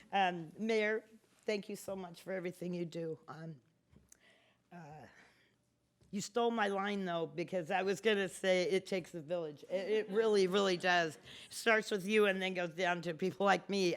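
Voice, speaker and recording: A woman's voice: medium pitch, normal speed. A woman in her sixties, a tenant giving an emotional, passionate speech at a housing opening, laughing through her tears. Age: 60s.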